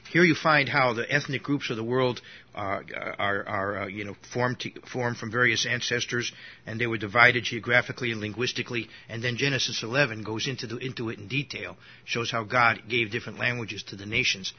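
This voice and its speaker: Husky-voiced man giving a rambling Bible lesson. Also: medium pitch. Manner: rambling, with frequent restarts and asides. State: coughing now and then. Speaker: Bible teacher. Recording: dull lo-fi recording.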